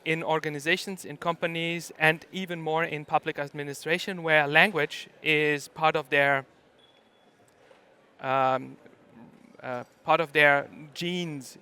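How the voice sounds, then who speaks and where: A middle-aged German man gives a talk at a conference, frequently pausing and hesitating with many ums and uhs. His fairly high voice comes through the microphone bright, clear and crisp.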